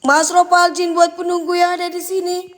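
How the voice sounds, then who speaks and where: A hoarse woman, hosting a live ghost-hunting stream in hushed tones that sometimes drop to a whisper. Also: very high voice, level tone, normal speed. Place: indoors in an old house.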